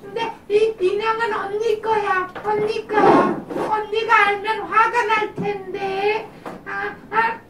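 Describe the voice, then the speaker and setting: A woman's voice: very high voice, flat delivery, slow pace, a bit bright, a little hiss or hum, pitched above the performer's own voice, heavily acted. A woman voicing a curious little girl puppet who sighs in a sing-song way over a toy in a children's puppet show. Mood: admiring. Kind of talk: live puppet show for preschoolers. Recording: roomy, distant live room recording.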